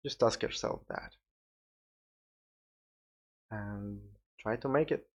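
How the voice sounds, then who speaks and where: A tired podcast host with a Russian accent rambles informally through a solo episode, swearing now and then. His voice is on the low side and unhurried, captured in a dull lo-fi recording.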